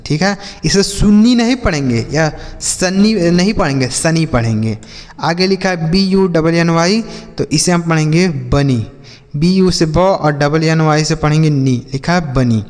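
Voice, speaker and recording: A man teaching English reading. He spells words out letter by letter, asks what they say and repeats the answer. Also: a little high. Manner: calls viewers children and brother. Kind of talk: spoken English reading lesson. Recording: long hall reverb.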